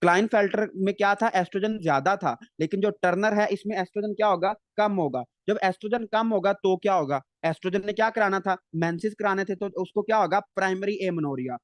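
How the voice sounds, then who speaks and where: A man giving a live medical lecture, asking questions and answering them himself, stretching key English terms slowly. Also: sits high, dry recording.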